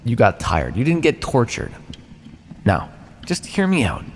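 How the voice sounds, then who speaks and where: A man voices a smug, patronising ancient vampire who taunts a captive in ASMR roleplay, coaxing and probing. Huge pitch swings carry him down into gravelly creak, and he lets theatrical pauses hang. The recording has long reverb and a noisy background.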